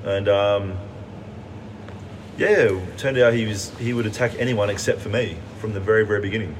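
A man's voice: fairly low pitch, normal speed, noisy background. A man chatting casually as a podcast guest, telling stories in a hesitant, wry, understated way.

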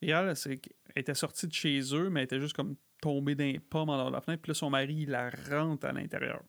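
Gravelly Quebec French man chatting. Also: on the high side, steady tone, fast, fairly bright tone, dry recording. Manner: chimes in, sprinkles English phrases. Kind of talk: casual chat about a film.

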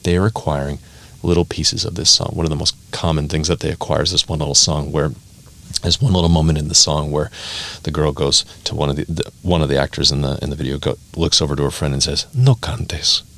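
A man's voice: rumbling low, level tone, fast talker, a bit bright. A man talking casually and emphatically as a podcast guest, explaining his approach as an educator. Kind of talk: casual explanatory interview talk.

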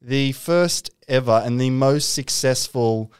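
A man's voice: medium pitch, slow pace, darkish tone, clean tone. A man hosting a casual podcast chat in an informal way, often chiming in to agree. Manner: informal, frequent agreeing interjections. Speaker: podcast host.

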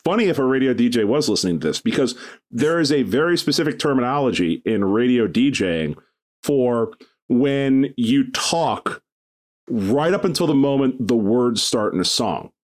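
A man's voice: mid-range voice, animated, normal speed. Rambling, joking podcast co-host man. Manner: rambling, jokey, slips into mock radio DJ voice. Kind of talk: casual chat.

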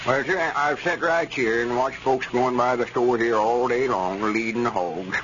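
An actor playing a folksy, self-assured rural Southern storekeeper in a 1930s radio comedy, drawling and homespun. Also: male voice, mid-range voice, moderate pace, fairly bright tone, natural voice. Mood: explaining, confident. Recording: dull vintage radio recording, faint noise.

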